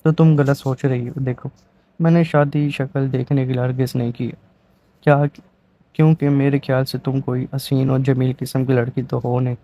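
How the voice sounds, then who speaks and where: A man's voice: medium pitch, little pitch movement, mellow, close to an everyday voice. A man reading the lines of an angry, stubborn young husband in a storybook reading, harsh and threatening.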